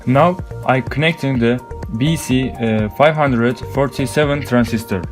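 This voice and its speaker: A man from Turkey with a Turkish accent, a vocational student haltingly narrating how he assembles a circuit, in broken English. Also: mid-range voice. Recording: clear music behind voice.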